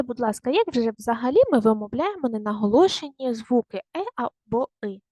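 A woman teaching a primary school language lesson online, speaking slowly and carefully and repeating words to show their stress. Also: fairly high pitch, a little mellow, dry recording.

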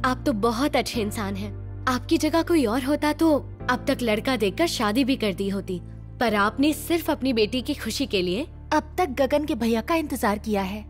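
A sweet, coaxing young woman, voiced by an actress in a dubbed film, mixing English words into her talk. Her voice sits high, and loud film music runs behind it. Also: expressive, moderate pace, close to an everyday voice. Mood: pleading. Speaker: young woman persuading an elder. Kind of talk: Hindi film dubbing.

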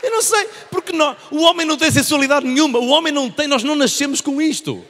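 A man in his thirties performs stand-up with a European Portuguese accent. His voice is high and very animated, repeating phrases for effect, with the long reverb of a big theatre. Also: quick pace, a faint crowd. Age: 30s. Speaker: stand-up comedian. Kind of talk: stand-up comedy routine. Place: large theatre stage. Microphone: handheld microphone.

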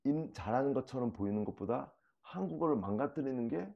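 A middle-aged man from South Korea answering interview questions casually, in a slow, halting way. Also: medium pitch, animated, gravelly, highs cut off. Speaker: interview guest. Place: small living room, on a sofa indoors.

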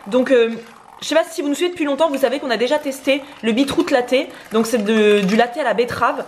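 Her high-pitched voice moves fairly quickly over slight background noise. A young woman and vlogger co-host, she chats casually to camera at home in the kitchen, lively and explaining breakfast while she cooks.

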